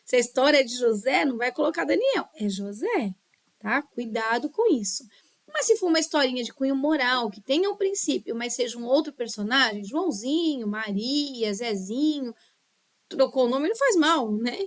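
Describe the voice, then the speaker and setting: A woman with a fairly high voice leads a children's ministry course. She talks with her hands, animated and instructive, stopping to check that her listeners follow. The sound is close and dry, with little room around it. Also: moderate pace, dry recording. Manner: animated, gestures a lot while talking. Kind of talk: online course lesson. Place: small children's classroom.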